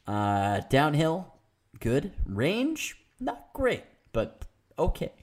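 A man's voice: a little high, wildly swooping pitch, very slow. A man co-hosting a casual football mock draft chat, joking and playful.

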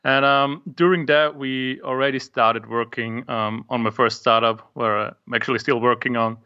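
A young Austrian man, a native German speaker, hesitantly describes his app in a casual interview over a remote call from his home office, with many ums. His mid-range voice is sharp, clear and resonant, with fairly even intonation and a moderate pace. The audio sounds dull.

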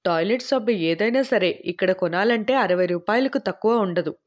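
A woman's voice: medium pitch, fairly quick, natural voice. A woman reading a chatty man who explains everyday life abroad in a matter-of-fact way, as in an audiobook.

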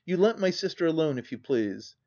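A man voicing a proud, stiffly indignant young gentleman, heard on a dull, lo-fi recording. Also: on the high side, big pitch swings, a little fast.

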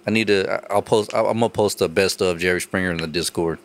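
Profane man telling stories. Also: fast. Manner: animated storytelling, swears a lot, acts out quoted people in a much higher voice. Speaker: podcast host. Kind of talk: casual chat.

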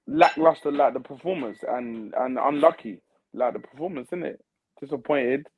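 A man's voice: medium pitch, moderate pace, breathy edge, phone-quality sound. A man with a London accent in casual football banter as a fan guest, slangy and laddish, protesting with fam and bruv.

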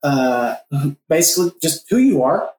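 A man's voice: a little high, very animated, normal speed, a little mellow, husky, no room sound, rough recording. A man in his thirties hosting a podcast in a casual, conversational and earnest way. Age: 30s. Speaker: podcast host.

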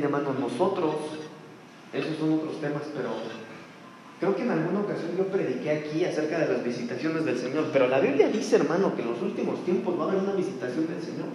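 A man preaching a sermon to his congregation, calling them "hermano" as he speaks. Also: high voice. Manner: impassioned, addresses congregation as "hermano". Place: church hall. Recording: echoey hall, faint room noise.

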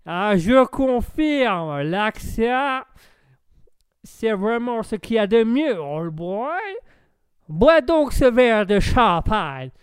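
A man voicing a loud, tipsy American man who keeps pushing champagne and calls people "old boy". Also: high-pitched, very animated, drawn-out words, clear, resonant tone, dry recording, studio quality, pitched above the performer's own voice, heavily acted. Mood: boisterous tipsy. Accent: fake American accent in French. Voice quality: boisterous, says "old boy".

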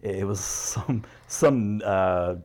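Rambling, chuckling podcast co-host, low voice. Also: male voice, slow pace, a little mellow. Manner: rambling, laughs often. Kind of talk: casual banter.

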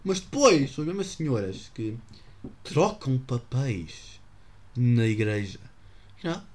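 A man's voice: mid-range voice, sing-song, slow pace, dark tone. A young man in his teens with a European Portuguese accent, rambling jokily through a solo podcast and sprinkling in English slang. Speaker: podcast host. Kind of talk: casual solo podcast monologue.

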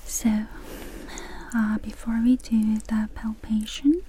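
A woman whispering gently through an ASMR roleplay as a clinician greeting and questioning a client. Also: fairly high pitch, fairly even intonation, a little hiss or hum. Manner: soft unvoiced whisper, gentle and slow. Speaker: ASMR creator playing a clinician. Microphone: close sensitive mic.

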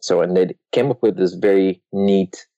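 A man guest on a podcast, talking casually and hesitantly with many pauses. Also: low voice, warm tone, no room sound, dull audio. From Europe. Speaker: guest author.

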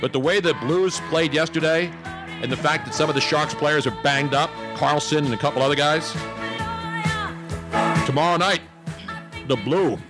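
A man's voice: fairly high pitch, normal speed, pauses often. Older male sports talk host over prominent music. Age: 60s or older. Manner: joking, emphatic.

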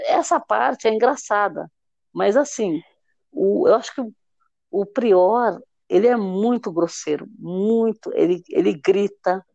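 A woman's voice: medium pitch, a little mellow, dry recording, lo-fi sound. A woman hosting a podcast in casual chat, retelling scenes with quoted dialogue. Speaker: podcast host.

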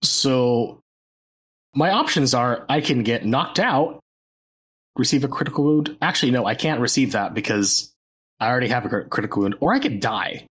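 A man's voice: medium pitch, lively intonation, moderate pace, a bit bright, slightly rough. A man playing a tabletop game, joking and reading out rules in a slangy, playful way. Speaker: player. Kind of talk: casual tabletop play.

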